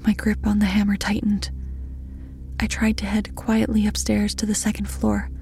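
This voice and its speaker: A woman reading a horror story in scripted narration, steady and measured, often dropping to a hushed near-whisper. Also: mid-range voice, gravelly, soft background music.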